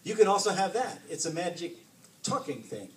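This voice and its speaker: A man reading aloud and voicing a quick-witted, brave teenage girl who pleads and bargains. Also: high-pitched, very animated, voice pushed up. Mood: coaxing. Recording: roomy, distant mic, faint hiss.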